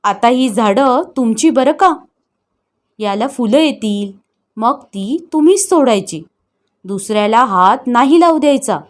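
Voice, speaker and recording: A woman voicing a patient young sister-in-law who coaxes and teaches gently, in an audio story. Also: on the high side, expressive, measured pace. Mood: gentle. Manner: gentle, coaxing.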